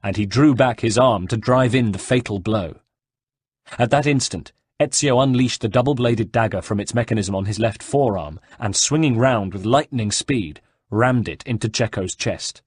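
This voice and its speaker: A man narrating an audiobook in a steady storytelling delivery. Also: lowish voice, moderate pace, slightly rough, no echo, studio quality. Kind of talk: scripted narration.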